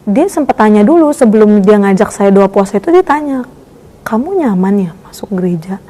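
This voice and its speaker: Young woman, lively storyteller, mellow low-bright tone, casual interview guest. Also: fairly quick. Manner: lively storyteller acting out quoted dialogue. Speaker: guest sharing her conversion testimony.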